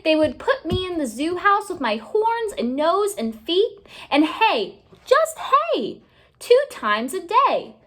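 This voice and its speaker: Reading a storybook to young listeners, a woman teacher uses a high, lively voice whose pitch climbs and dips. She takes her time, lingering on words with careful, expressive phrasing.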